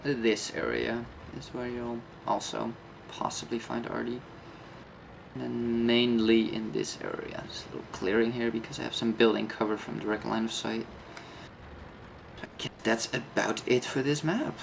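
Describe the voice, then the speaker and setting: A man's voice: medium pitch, level tone, normal speed, gravelly, a little hiss or hum. A man giving a casual, off-the-cuff game tutorial, thinking aloud and explaining as he plays. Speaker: host of a tank game map guide.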